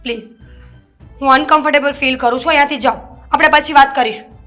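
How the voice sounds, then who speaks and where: A woman's voice: high voice, steady tone, fast, fairly bright tone, faint music behind. An actress playing a young married woman who firmly and indignantly pushes away her brother-in-law. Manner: firm, indignant. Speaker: actor in a web drama.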